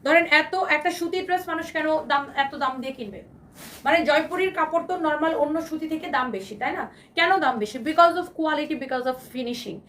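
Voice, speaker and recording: A woman with a Bangladeshi Bengali accent, hosting a live shopping sale with an enthusiastic, repetitive pitch and English phrases mixed in; her voice is hoarse from shouting. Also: brisk, far from the mic. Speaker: live-sale fashion seller.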